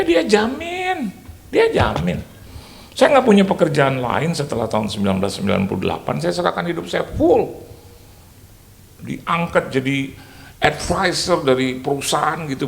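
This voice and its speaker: Gravelly, animated male preacher. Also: on the high side. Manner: lively, joking storyteller who engages the congregation. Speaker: pastor. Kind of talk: sermon.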